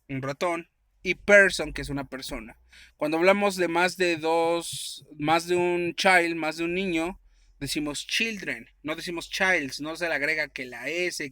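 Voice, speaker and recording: A man teaches an English grammar lesson with a bright, forceful voice. His voice sits a little high for a man, and the sound is dry and close. He explains step by step and often answers the questions he asks his listeners. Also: no room sound.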